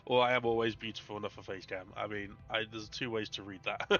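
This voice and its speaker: A man's voice: lowish voice, fairly even intonation, fast, a bit bright, dull audio. A British man with a congested, tissue-plugged nose, chatting casually and self-deprecatingly as he hosts a live game stream. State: congested with a bad cold, tissue stuffed up his nose. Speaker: streamer, host.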